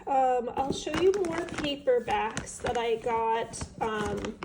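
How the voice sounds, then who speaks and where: A woman's voice: fairly high pitch, takes it slowly, background noise. A woman with a stuffed-up nose, chatting casually and enthusiastically as she shows off an estate sale book haul. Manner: chatty, enthusiastic, musing aloud with fillers. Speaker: vintage seller showing an estate sale haul. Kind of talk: casual show-and-tell vlog.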